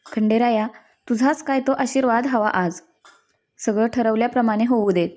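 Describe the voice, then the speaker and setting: A woman's voice: a little high, fairly even intonation, moderate pace, darkish tone, natural voice. A woman voicing a worried, devout middle-aged mother who comforts her daughter-in-law and prays in a storybook reading. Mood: soothing prayerful. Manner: soothing, prayerful.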